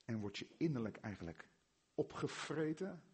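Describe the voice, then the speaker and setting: A man with a Netherlands Dutch accent preaching a sermon, firing rhetorical questions and swinging from hushed tones to loud emphasis. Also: mid-range voice, big pitch swings, normal speed, husky.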